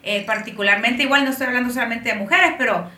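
A woman in her late thirties talks through her own story as an interview guest, unhurried and full of fillers. Her voice is fairly high and bright. It sounds far from the mic in an echoey room. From Honduras. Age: 30s. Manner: warm storytelling, frequent fillers. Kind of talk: casual interview conversation.

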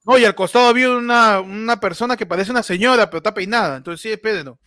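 High-voiced Peruvian man, jokey. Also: fast talker, sharp tone, dry recording. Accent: Peruvian Spanish. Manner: jokey, playful wordplay, repeats "mano". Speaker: livestream co-host. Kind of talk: casual banter livestream.

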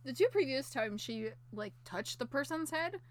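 A woman's voice: high-pitched, expressive, normal speed. A woman in casual chat, recapping an anime episode with a co-host, laughing often and acting out the characters' lines with sarcastic quips.

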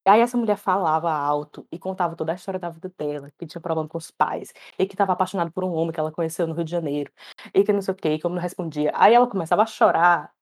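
A woman telling a funny story in casual chat, acting out the other people's voices. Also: lowish voice. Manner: animated storytelling, acts out quoted voices, laughs often.

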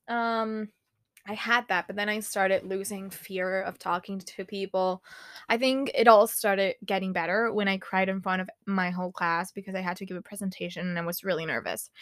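A woman's voice: medium pitch, a bit bright, dry recording, clean studio sound. A young woman hosting a casual solo podcast, giggling and swearing freely as she reads a list aloud and reacts to it. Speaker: podcast host.

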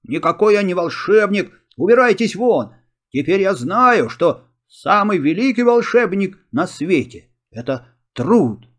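A man voicing a frightened young boy who shouts and pleads in a storybook reading. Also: high voice, unhurried. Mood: angry.

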